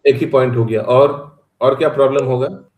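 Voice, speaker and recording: A man's voice: medium pitch, fairly even intonation, moderate pace, a little mellow. Man teaching a class in an echoey room. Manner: explains in chatty mixed speech, calls on students by name. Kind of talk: online scripture class with questions. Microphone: video call.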